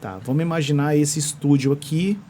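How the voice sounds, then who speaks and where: A Brazilian-accented podcast guest talks through technology in the studio, restarting phrases as he gropes for words. His fairly high voice is mellow and fairly quick, picked up by a studio microphone with a little hiss or hum.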